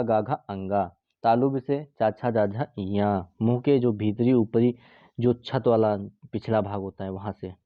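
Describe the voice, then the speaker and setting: A man teaching an exam-prep Hindi grammar lesson, explaining step by step and slowly sounding out each letter with drawn-out vowels. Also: medium pitch, no echo, narrow, tinny audio. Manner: drawn-out demonstration sounds with frequent fillers.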